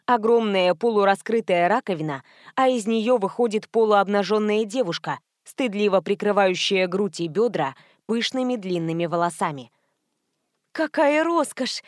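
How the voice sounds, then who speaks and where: A woman narrates an audiobook in the first person, her telling wry and lively. Her voice sits at a middle pitch. The recording is dry and close, with no room sound. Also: moderate pace, no room sound. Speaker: audiobook reader.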